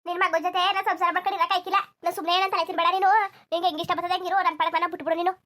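A woman voicing a fiery young village bride in a cartoon, scolding in rapid-fire retorts with a rural Karnataka Kannada accent. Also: very high voice, level tone, pushed and bright. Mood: angry defiant. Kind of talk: cartoon voice acting.

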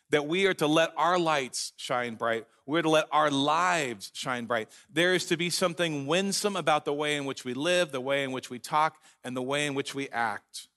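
A man preaching a sermon as pastor, earnest and emphatic, slowing down to read scripture aloud. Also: a little high, bright, forceful tone. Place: church sanctuary.

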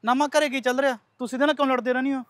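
A man's voice: very high-pitched, fairly even intonation, very fast, heavy background noise. A man playing a young husband and son who asks what is wrong in the household. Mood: questioning. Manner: questioning, concerned. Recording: music under the dialogue.

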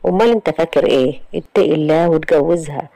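A woman's voice: sits low, quick pace, dark tone, no room sound, low-quality recording. A woman voicing a stern male doctor with an Egyptian accent, scolding in a firm tone. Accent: Egyptian Arabic.

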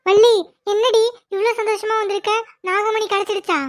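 Woman as teasing cartoon sidekick: very high, sharp-tongued, mocking. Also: flat delivery, brisk. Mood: curious.

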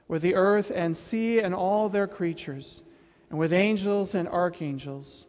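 Man minister chanting the communion service, pretty high voice, big cathedral echo hanging on every word. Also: darkish tone. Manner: solemn, chants parts of the liturgy. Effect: cathedral echo, long reverb. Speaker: presiding minister. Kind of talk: leading a communion liturgy. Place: large church sanctuary. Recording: long reverb of a big church hall.

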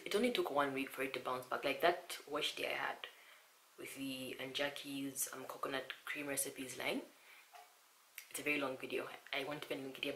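A young woman with a hoarse, bright voice chats casually to her viewers, sometimes dropping to a near whisper. She is recorded in an echoey room at home with faint hiss behind her. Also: very deep voice. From Zambia. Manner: half-whispering, soft and hushed at times. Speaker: vlogger. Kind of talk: casual chat. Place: small quiet room at home.

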